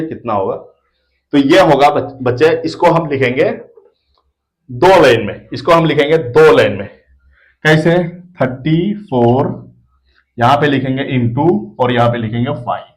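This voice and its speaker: A man's voice: on the high side, low-quality recording. A man with an Indian accent teaching a maths lesson to children in a playful way, often repeating himself. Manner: playful, addresses children warmly, repeats phrases.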